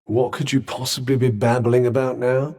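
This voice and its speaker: A man's voice: mid-range voice, flat delivery, moderate pace, darkish tone, lightly acted. A British man voicing a haughty, disembodied magic cuff, a pompous, dry and sarcastic video game companion who speaks eloquently. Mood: sardonic. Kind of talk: scripted video game voice lines.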